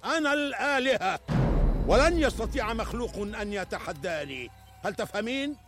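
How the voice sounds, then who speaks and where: A man's voice: medium pitch, very animated, normal speed, music in the background. An actor playing an arrogant, pompous pharaoh-like king who thinks himself a god, declaiming in a historical drama. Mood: grandiose, commanding. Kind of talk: Arabic historical drama acting.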